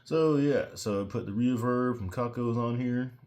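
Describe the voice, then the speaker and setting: A man's voice: medium pitch, moderate pace, darkish tone. A man casually walking through how he mixed his own song, rambling, wandering off topic and poking fun at himself. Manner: rambling, self-deprecating, digresses. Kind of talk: casual screen-share tutorial.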